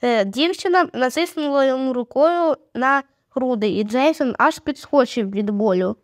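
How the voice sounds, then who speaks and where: High-voiced woman reading a story. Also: moderate pace, no echo, studio quality. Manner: steady storytelling. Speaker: audiobook narrator. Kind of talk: scripted narration.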